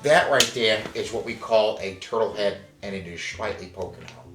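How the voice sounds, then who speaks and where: A man voicing a flustered, embarrassed guy who stammers and answers deadpan. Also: fairly low pitch, normal speed, lightly acted. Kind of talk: improv comedy. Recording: echoey room, far from mic, music.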